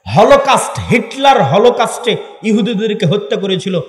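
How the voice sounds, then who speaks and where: A man's voice: high-pitched, lively intonation, normal speed. A man giving an impassioned sermon-style speech to an audience in a large hall, firing off rhetorical questions. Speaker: Islamic lecturer. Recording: echoey hall with long reverb.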